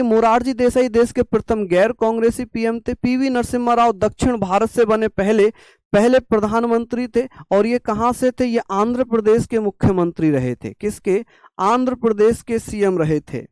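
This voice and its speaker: A man's voice: extremely high pitch, normal speed, darkish tone, smooth, no echo. Man teaching with a sore throat. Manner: coaxing, scolding students to take notes. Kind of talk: online exam-prep lecture.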